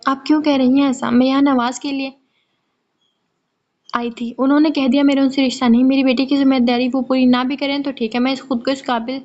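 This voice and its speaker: A woman's voice: sits high, little pitch movement, darkish tone, lightly acted. A woman voicing a proud, hurt second wife. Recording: muffled lo-fi recording.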